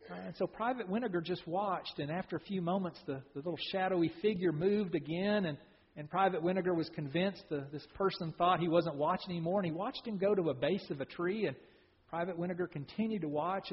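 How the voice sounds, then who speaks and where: A male pastor preaching a sermon and telling a story, often repeating words as he starts phrases, in a church sanctuary. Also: high voice. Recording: dull sound with long hall reverb.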